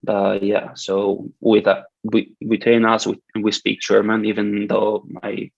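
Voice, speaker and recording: A Swiss swimmer in his twenties, a native Italian speaker with a Swiss Italian accent, is a guest in a casual interview over a video call from an indoor room with curtains. His lowish, creaky voice stays monotone, and he speaks hesitantly with many restarts and fillers. The laptop-camera audio is dull and lo-fi, with no room sound.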